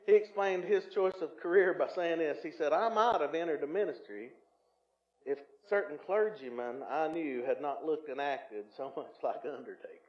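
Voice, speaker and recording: A male pastor preaching a sermon in a folksy, storytelling way, often restarting with fillers and swelling louder for emphasis. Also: a little high, moderate pace. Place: church sanctuary. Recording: roomy, slightly dull church recording.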